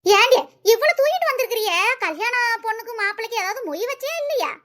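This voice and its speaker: Nosy, teasing village women from a comedy cartoon, all done by a woman. They scold and tease in a very high, squeaky voice with a bright, sharp tone. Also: very animated, quick pace, full character voice. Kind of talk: animated comedy dialogue.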